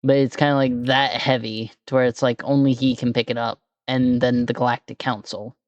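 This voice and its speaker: Relaxed conversational host, mid-pitched voice, dry close mic. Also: normal speed, no echo, lo-fi sound. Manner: relaxed, brief listening cues, sometimes hesitant. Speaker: podcast host. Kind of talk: casual chat interview.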